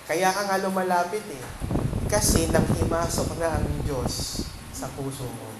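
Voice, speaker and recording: Filipino man, pastor, fairly high voice; asks the congregation questions as he preaches; echoey, noisy church recording. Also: measured pace. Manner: asks the congregation questions, mixes English phrases into Tagalog. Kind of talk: sermon. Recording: echoey room with background noise.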